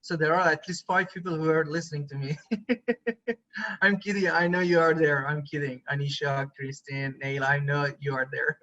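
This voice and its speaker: High, bright-voiced male instructor lecturing. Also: little pitch movement, fairly quick, hardly any pauses. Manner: conversational, often checks in with students. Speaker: university photography instructor. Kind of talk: online class lecture. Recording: dull lo-fi recording.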